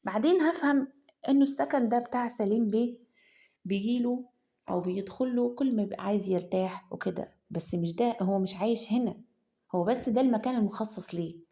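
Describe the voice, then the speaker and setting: A young woman with an Egyptian accent narrating a first-person romance story in a chatty, animated way, with sudden jumps in pitch and restarts. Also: quick pace. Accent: Egyptian Arabic.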